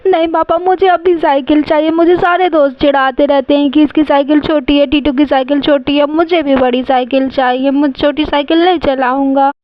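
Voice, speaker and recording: A high, whiny little boy who pleads and insists, played by a woman. His voice is lively and demanding. The audio sounds a bit dull. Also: brisk, few pauses, close to an everyday voice. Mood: pleading.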